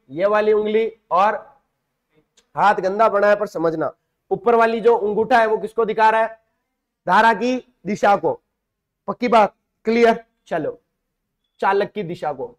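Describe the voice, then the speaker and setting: A man teaching physics as a classroom lesson, explaining step by step, asking and answering his own questions and calling students "beta". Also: high-pitched.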